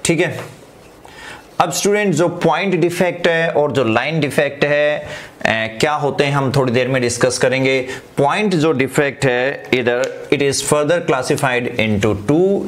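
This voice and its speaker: A man teaching chemistry. He mixes English terms into Hindi, often checks in with his students and dictates headings slowly. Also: medium pitch. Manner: slows right down to dictate headings. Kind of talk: online class lecture.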